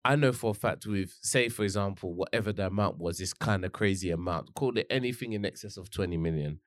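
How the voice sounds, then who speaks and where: A man's voice: sits low, quick pace, no room sound, clean studio sound. A man with a London accent in casual conversation, using roadman slang and rambling as he thinks aloud. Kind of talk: casual chat.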